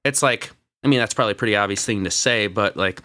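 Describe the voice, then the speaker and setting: A man's voice: fairly low pitch, fast talker, sharp tone. A man co-hosting a podcast, talking casually about an album with many fillers. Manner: rambling, filler-heavy music talk. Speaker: podcast co-host. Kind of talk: casual chat.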